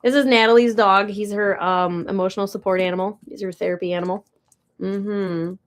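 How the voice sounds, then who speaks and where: A woman's voice: mid-range voice, steady tone, fairly quick. Young woman rambling on a ranch live stream, chatty, reads out chat questions. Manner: chatty, answers viewer comments, gushes. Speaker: livestream host. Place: ranch barn or home.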